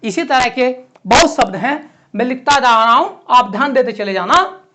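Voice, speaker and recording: A man teaching a lesson to exam students, writing on a board as he explains and repeating words slowly and clearly. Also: very high-pitched, expressive, noisy background.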